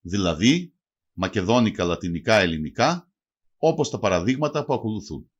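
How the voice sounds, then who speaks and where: Man narrating a lively scripted language lesson. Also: on the low side, highs cut off. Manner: slow, deliberate spelling out of example words. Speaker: language teacher.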